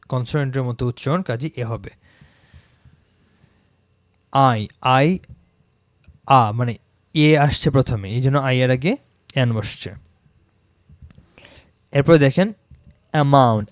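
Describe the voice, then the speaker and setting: A man teaching an English grammar lesson, repeating example words slowly to show how they sound and mixing English terms into his talk. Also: mid-range voice, no room sound, clean studio sound. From Bangladesh.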